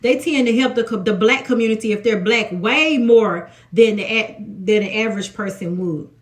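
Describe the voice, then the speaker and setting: A woman from Mississippi with a Southern accent, chatting casually through a TV episode recap and often restarting her sentences. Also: fairly high pitch. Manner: chatty, animated, restarts a lot. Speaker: TV recap vlogger.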